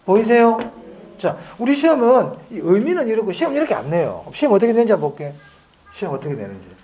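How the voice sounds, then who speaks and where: A male lecturer with a high, bouncing voice that rises and falls widely as he teaches. He fires short questions at his students and answers them himself, drawing out important terms slowly so they sink in. The delivery is a brisk exam-prep class. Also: very animated, warm tone. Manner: drills students with quick repeated questions; stretches key phrases slowly for emphasis.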